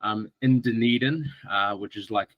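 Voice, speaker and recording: A man from Samoa, a guest on a podcast, chatting in a friendly, relaxed way with lots of fillers and restarts. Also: lowish voice, moderate pace, dry recording, muffled recording. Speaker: guest, strength coach. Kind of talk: casual podcast interview.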